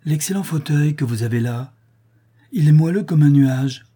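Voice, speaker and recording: A man's voice: mid-range voice, expressive, normal speed, warm tone, breathy edge, voice pushed up. A man voicing Richard, a lazy, nonchalant young charmer, in a raised, airy voice. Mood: nonchalant gallant.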